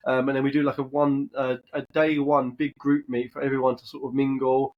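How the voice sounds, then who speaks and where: A man's voice: mid-range voice, flat delivery, brisk, highs cut off. A young man co-hosting a podcast, chatting casually and rambling with lots of fillers. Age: young adult. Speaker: podcast co-host. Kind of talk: casual chat.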